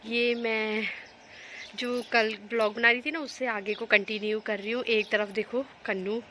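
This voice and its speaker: A woman's voice: fairly high pitch, level tone, measured pace, sharp tone, slight background noise. A young woman filming a casual home vlog on her phone, chatting and rambling to viewers while she minds her children. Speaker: home vlogger and mother.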